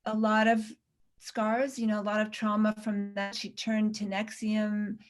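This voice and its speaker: Woman, documentary director, interview, earnest, halting, repeats words. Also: medium pitch, monotone, soft background music. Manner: earnest, many restarts. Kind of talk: remote interview answers.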